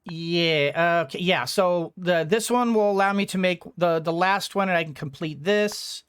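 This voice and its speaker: A gaming video host gives casual let's-play commentary, thinking out loud in fragments and tossing in playful asides. His voice is mid-range and clean-toned, at a normal speed.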